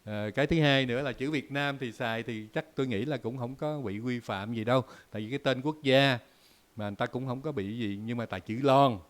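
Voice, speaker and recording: A man from Vietnam hosting a casual commentary monologue, full of "à" and "ờ" fillers, repeating words as he thinks and spelling out examples slowly. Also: medium pitch. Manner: explains by drawn-out spoken examples. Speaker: host.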